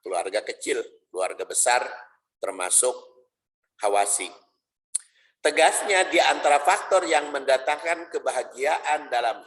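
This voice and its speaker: Sundanese-accented male preacher, slow and deliberate, mid pitch, long hall reverb. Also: a bit bright. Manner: slow, deliberate explanation with stressed repeated phrases. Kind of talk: dawn study sermon.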